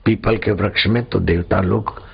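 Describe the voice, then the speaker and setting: A man giving a sermon, telling a religious story in slow, drawn-out phrases with dramatic pauses. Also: deep voice, fairly even intonation, gravelly, slightly rough. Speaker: spiritual preacher. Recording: dull lo-fi recording, faint background noise.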